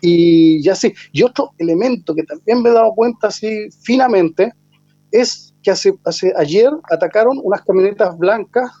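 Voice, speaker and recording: A man talks through politics as a commentator, halting and repeating words as he searches for his point. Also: high-pitched, warm tone. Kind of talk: analytical discussion. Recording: dull lo-fi, dry sound.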